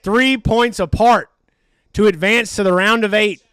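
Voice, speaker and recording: A man hosting a live race stream, giving excitable, profane, jokey commentary. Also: high voice, a little slow, clean tone, no echo, clean studio sound.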